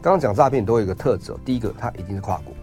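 A man with a Taiwanese Mandarin accent, a guest explaining investing in a radio interview, talking rapidly with many fillers. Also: mid-range voice, lively intonation, darkish tone, faint music behind.

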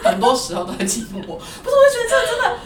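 Lively chatty woman, roomy sound. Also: on the high side, racing, distant mic, a little hiss or hum. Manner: animated storytelling, acts out her husband's lines. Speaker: podcast host. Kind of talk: casual chat.

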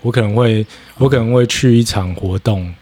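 A man's voice: lowish voice, moderate pace, darkish tone, husky. A man with a Taiwanese Mandarin accent chatting casually and candidly, reflecting on himself and often checking that his listener follows.

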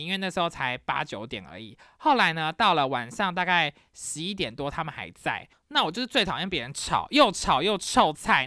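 A young Taiwanese woman with a Taiwanese Mandarin accent, hosting a podcast and telling a story in a casual, animated way, acting out scenes dramatically. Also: on the low side, no echo, studio quality. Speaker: podcast host.

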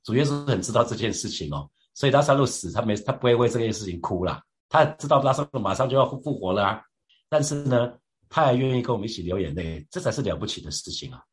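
A man giving a devotional Bible teaching as a church leader, reflective and unhurried, often turning to his listeners with rhetorical questions and soft fillers. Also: medium pitch, expressive.

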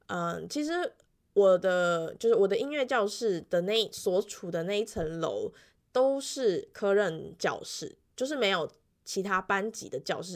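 Young woman, Taiwanese Mandarin accent, mid-pitched, lively chatty storyteller with lots of fillers. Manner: chatty, animated storytelling with frequent laughs and fillers. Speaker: elementary school music teacher. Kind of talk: casual weekly vlog storytelling.

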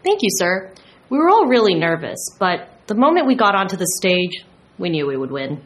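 A woman's voice: medium pitch, sing-song, normal speed, close to an everyday voice. A woman playing a friendly, polite young student in an acted language-lesson dialogue. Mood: polite, proud. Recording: roomy echo.

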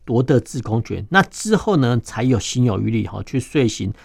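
Guy explaining air force stuff, gravelly voice, keeps going "oh" "ha" between phrases, dry close sound. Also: medium pitch, big pitch swings, dry recording. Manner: peppers phrases with drawn-out "oh" and "ha" particles. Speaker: defense magazine journalist, guest analyst. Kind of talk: explanatory interview commentary.

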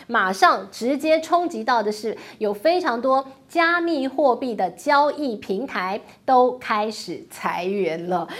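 A woman hosting a finance commentary show, talking in an animated way, full of rhetorical questions and wry asides. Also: a little high. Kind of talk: talk-show commentary on the economy.

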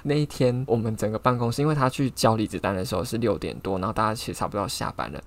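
A man co-hosting a podcast, telling office stories in an animated way and laughing often. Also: fairly low pitch, racing. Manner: animated storytelling, frequent laughter. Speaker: podcast co-host. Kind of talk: casual chat.

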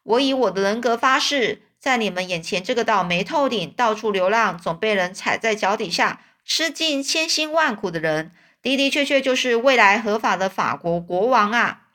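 An old bald swindler in a storybook reading whines that he is a lost king and makes grand demands, as a woman reads him. The delivery is grandiose and pleading. It sits a little high, in a lightly acted storytelling voice. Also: animated, normal speed, fairly bright tone.

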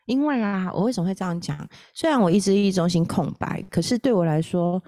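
A woman hosting a podcast, talking in a giggly, self-deprecating, animated way. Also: medium pitch, fast talker, no echo, studio quality. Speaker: podcast host, astrologer. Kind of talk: casual podcast chat.

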